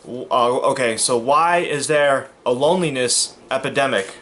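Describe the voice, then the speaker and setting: A man's voice: medium pitch, normal speed, a bit bright. Rambling American man vlogging to camera. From United States. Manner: rambling, repeats himself, many fillers and restarts; earnest, emphatic. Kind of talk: casual monologue to camera.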